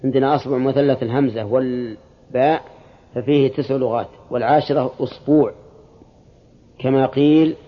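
A man's voice: medium pitch, fairly even intonation, normal speed, pauses often, dull audio. A man teaching a religious classroom lesson, explaining step by step and asking his students short questions.

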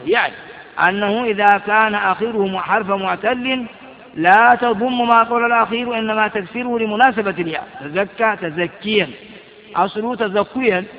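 A man teaching an Arabic grammar lesson, drilling word forms by repeating them and asking rhetorical questions. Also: high-pitched. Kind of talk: classroom lesson explaining verse on grammar. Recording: dull echoey lecture hall recording.

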